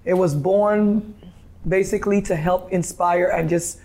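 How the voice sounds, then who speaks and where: A woman's voice: on the low side, steady tone, unhurried, warm tone. Woman from Guyana talking fitness. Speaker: fitness instructor. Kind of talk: casual interview.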